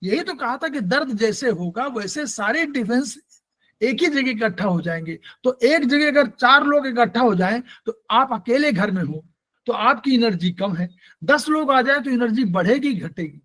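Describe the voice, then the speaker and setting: A man's voice: very high-pitched, animated, moderate pace, a bit bright. A man teaching an acupressure class, explaining patiently and quizzing his students as he goes. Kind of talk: online class lecture.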